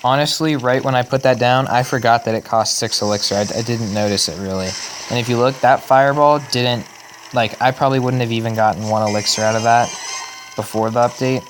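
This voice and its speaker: A young man giving casual, rambling commentary on a mobile game replay, correcting himself as he goes, his voice worn and going hoarse. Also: mid-range voice, brisk, noisy background. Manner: rambling, self-correcting, chatty. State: losing his voice. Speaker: gaming channel host.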